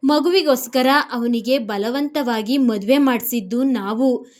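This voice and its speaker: A stern but caring middle-aged mother-in-law, voiced by a woman narrator. She speaks firmly in a high voice. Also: measured pace, a little mellow, lightly acted.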